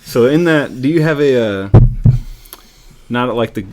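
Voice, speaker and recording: A man hosting a podcast, asking laid-back, halting questions full of fillers and restarts. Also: mid-range voice, lively intonation, very noisy. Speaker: podcast host. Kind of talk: casual conversation.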